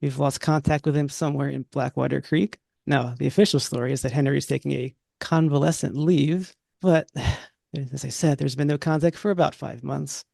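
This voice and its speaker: A man running a tabletop horror game, speaking for a university official in a relaxed, conversational way. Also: on the high side, normal speed, gravelly, dry recording, clean studio sound. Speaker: game master. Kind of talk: narrating and voicing characters in a tabletop game.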